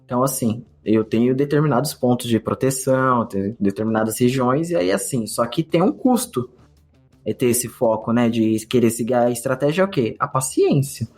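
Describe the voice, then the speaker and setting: A man's voice: mid-range voice, expressive, normal speed, darkish tone, faint music behind. A Brazilian man co-hosting a podcast, telling a story in casual chat and acting out his own past thoughts. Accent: Brazilian Portuguese. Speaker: podcast co-host.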